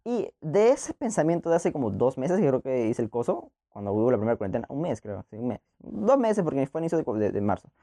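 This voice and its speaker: Young male podcast host, casual laughing monologue, animated and warm. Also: mid-range voice, brisk, hardly any pauses. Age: young adult. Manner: rambling, laughs often, many restarts.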